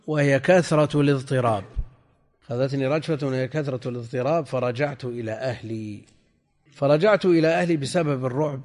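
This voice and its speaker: An older man teaching a classical text lesson, reading passages slowly, repeating and spelling out word forms, and putting questions to his students. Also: mid-range voice, darkish tone. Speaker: sheikh teaching hadith commentary. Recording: lecture hall with long reverb.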